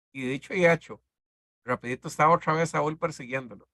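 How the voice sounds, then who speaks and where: A man teaches a discipleship class in an easy, halting way, often restarting his sentences. His voice is bright and forward. The sound is dry and close. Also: a little high, dry recording. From Costa Rica. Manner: halting, many fillers and restarts, conversational.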